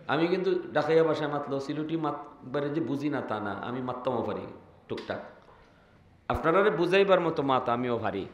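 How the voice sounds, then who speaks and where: A man's voice: on the high side, a bit bright, echoey room. A man preaching an Islamic waz sermon, from Bangladesh, with rhythmic repetition and emphatic rising calls.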